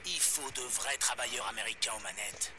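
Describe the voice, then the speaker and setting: A man's voice: medium pitch, fairly quick, music in the background. An actor playing a ranting, preachy male radio broadcaster in a video game, heard as a fading shortwave radio broadcast. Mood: defiant rant. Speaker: radio show host.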